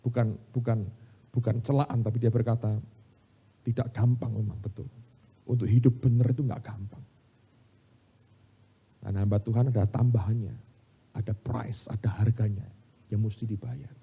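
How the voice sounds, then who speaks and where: Indonesian pastor preaching with animated delivery. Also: male voice, mid-range voice, normal speed, gravelly, pauses often, breathy edge, lo-fi sound. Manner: animated storytelling, addresses congregation as "saudara". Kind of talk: sermon. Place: church sanctuary.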